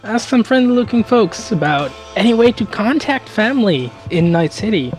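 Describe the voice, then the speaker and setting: A young adult playing a tabletop game in a lively, amused way. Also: mid-range voice, moderate pace, faint music behind. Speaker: player. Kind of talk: casual tabletop play.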